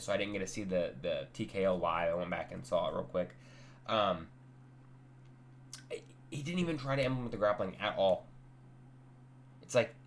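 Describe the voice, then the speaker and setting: A young man with a stuffy, nasal voice, congested after being sick, hosts a casual MMA reaction chat after a night of fights. His pitch sits on the low side with a fairly bright tone, and his take is blunt, offhand and rambling, full of restarts. Slight background noise is audible.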